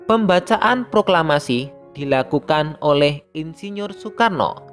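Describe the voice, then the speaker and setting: A teacher reading a scripted lesson for primary school pupils, speaking to them directly in a steady reading voice. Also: mid-range voice, a little slow, soft background music. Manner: reads steadily, addressing pupils as younger siblings.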